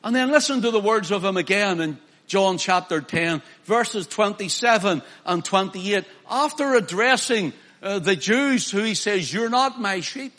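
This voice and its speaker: A male preacher, his voice high and bright. He preaches emphatically, rising to loud declamations and dropping to soft, personal appeals. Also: animated, a little slow, hardly any pauses. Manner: emphatic, swings from loud declaiming to quiet pleading. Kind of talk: sermon.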